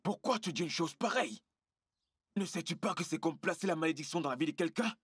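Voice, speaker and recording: A man's voice: on the high side, lively intonation, fairly quick, fairly bright tone, slightly rough, dry recording, clean studio sound, exaggerated voice. A man dubbing a village man who reproaches and mocks his brother in a dubbed film. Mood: reproachful. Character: disapproving village elder brother.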